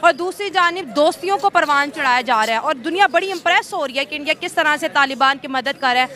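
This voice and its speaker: Male street interviewer, high bright voice, explaining and questioning outdoors. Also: lively intonation, fast talker.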